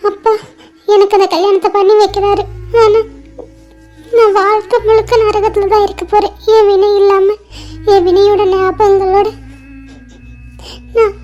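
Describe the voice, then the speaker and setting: A woman voicing a gentle, resigned young woman about to be married, soft-spoken and tender in an amateur audio drama. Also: extremely high pitch, lo-fi sound. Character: sorrowful young bride-to-be, gentle elder sister. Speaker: elder sister.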